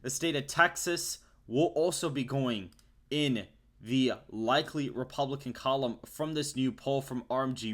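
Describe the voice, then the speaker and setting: A man reading out election polls state by state as he fills in a forecast map. His delivery is steady and list-like, pitched in an ordinary middle range, with small self-corrections along the way. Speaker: political forecaster host.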